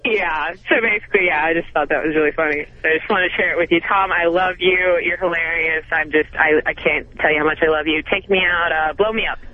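A woman's voice: deep voice, steady tone, fast talker, few pauses. Give me a giggly woman calling in to a radio show, her voice coming through a narrow, tinny phone line. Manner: chatty, gushing, giggles between sentences. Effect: call-in radio caller heard over a phone line. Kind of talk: casual storytelling.

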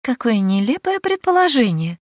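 In an audiobook, a woman voices a cheeky, sharp-tongued young maidservant, mocking and teasing with a shrill mood. She pitches above her natural voice into a medium range, speaking fairly quickly, and the clean studio recording is dry.

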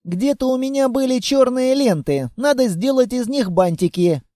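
A man voicing a stubborn, excitable young girl in an audiobook, with quick, indignant outbursts. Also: extremely high pitch, no echo, studio quality, voice pushed up. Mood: bossy. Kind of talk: audiobook character voice.

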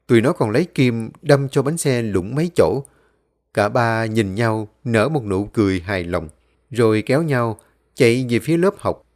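A man narrating a ghost story in a steady storytelling manner. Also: fairly low pitch.

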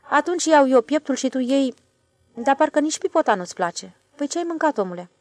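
A woman voicing a calm, self-satisfied older male station master in an audiobook, drawling and knowing. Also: high voice, no echo, pitched above the performer's own voice. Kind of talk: audiobook character voice.

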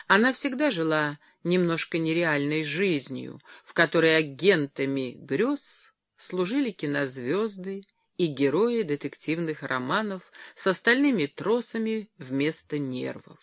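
Storybook narrator, lively expressive reading, very dry close mic. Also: mid-range voice, measured pace, no echo. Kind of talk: audiobook narration.

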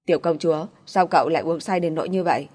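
Woman reading as a soft-spoken young man, coaxing, patient, lowish voice, audiobook. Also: fast, husky. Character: gentle, lovelorn young man, patient friend.

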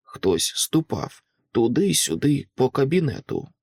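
A man narrating an audiobook in a dramatic, expressive reading style on a close microphone. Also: mid-range voice, measured pace, breathy edge, no echo. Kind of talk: scripted literary narration.

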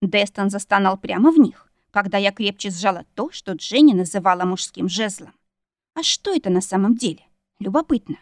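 A woman reading a first-person romance audiobook in a steady, even voice. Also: medium pitch, normal speed, no echo, clean studio sound. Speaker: audiobook narrator. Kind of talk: scripted first-person narration.

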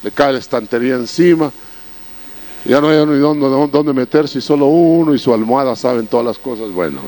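A man's voice: medium pitch, brisk, darkish tone, slight background noise. A man preaching a sermon in a homely, anecdotal way. He strings together personal stories and keeps addressing his listeners as brothers. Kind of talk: sermon storytelling.

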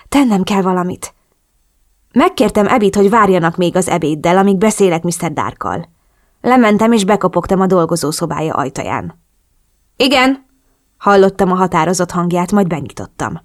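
A woman's voice: fairly low pitch, expressive. Woman reading a romance audiobook first person, earnest, emotional. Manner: emotional, earnest, pleading in dialogue. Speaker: audiobook narrator. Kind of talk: first-person novel narration.

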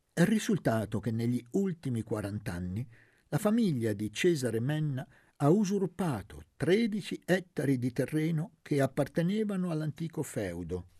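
A man reading Luca, a forceful peasant leader. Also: mid-range voice, dry recording, studio quality, pitched above the performer's own voice.

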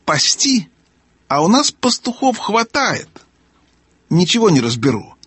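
A man voicing an old, deaf, cantankerous male dwarf lord in an audiobook, with loud grumbling speech and a husky voice. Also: high-pitched, sing-song, unhurried, no echo, pitched above the performer's own voice, heavily acted. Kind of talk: audiobook character voice.

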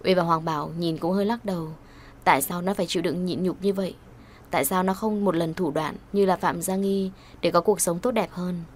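Brisk woman narrating a story. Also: fairly low pitch, slight background noise. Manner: steady, brisk reading. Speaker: audiobook narrator.

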